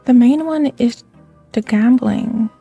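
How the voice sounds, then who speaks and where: Mellow, slightly gravelly woman playing a game. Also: fairly high pitch, takes it slowly, lo-fi sound, faint music behind. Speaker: player reading a game's dialogue aloud. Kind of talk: casual gaming playthrough, reading dialogue aloud.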